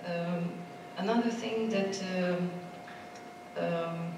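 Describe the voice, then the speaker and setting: A Romanian woman gives an unscripted conference presentation at a symposium in a non-native language, speaking slowly and haltingly as she often searches for words. Her voice is a little low, with fairly even intonation. She is heard from a distance in a large, very echoey theater hall with clear background noise.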